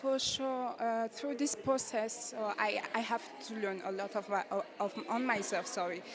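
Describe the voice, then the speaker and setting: A woman's voice: on the high side, steady tone, normal speed. A woman pageant contestant from Senegal, answering interview questions hesitantly and often searching for words. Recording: crowd chatter behind.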